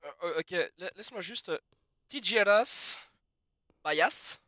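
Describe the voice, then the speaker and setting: Streamer, scared and flustered in a horror game; animated, forceful voice, casual live reactions. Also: medium pitch, slow, no echo, studio quality.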